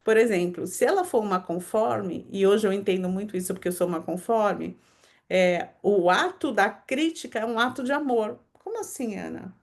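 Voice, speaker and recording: A woman with a Brazilian Portuguese accent hosting a devotional conversation, telling personal stories with lively emphasis and quick asides. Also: medium pitch. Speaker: host of a daily devotional.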